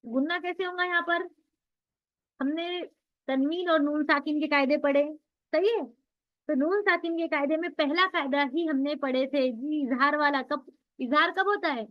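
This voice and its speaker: Her voice sits high and moves at a moderate pace as she teaches Quran recitation rules online. Patient in her explanations, she asks her own questions and then answers them, all on a dull lo-fi recording.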